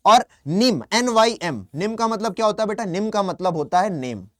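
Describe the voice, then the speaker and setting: A young man with a Hindi accent teaches an online exam-prep English vocabulary class, chatty and calling students "beta" as he asks and answers his own questions. His voice is high, animated and fairly bright at a normal speed, in clean studio quality with no room sound.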